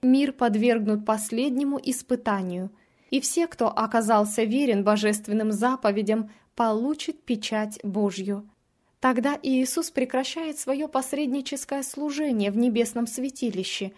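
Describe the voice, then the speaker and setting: A woman's voice: a little high, a little mellow. Woman solemnly reading devotional scripture. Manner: measured and solemn. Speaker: reader of a religious text.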